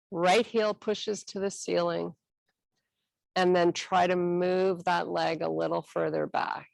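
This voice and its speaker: Woman leading a stretch class, slow and calm, bit of a gravelly edge, dry close sound. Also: on the low side, dry recording, poor audio. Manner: calm, encouraging cueing with a slow, unhurried delivery. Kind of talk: guided stretching instruction.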